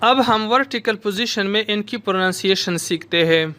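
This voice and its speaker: A woman teaching pronunciation, speaking slowly and deliberately and repeating each sound several times in drills. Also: mid-range voice, a bit bright. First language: Urdu. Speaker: language teacher. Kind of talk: pronunciation lesson with drilled repetitions.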